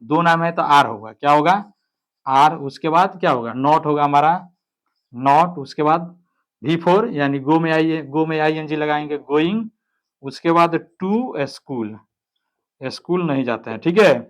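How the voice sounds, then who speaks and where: A man's voice: fairly high pitch, normal speed. Man teaching grammar, step by step. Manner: explains step by step, keeps checking with "ठीक है". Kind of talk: online grammar lesson.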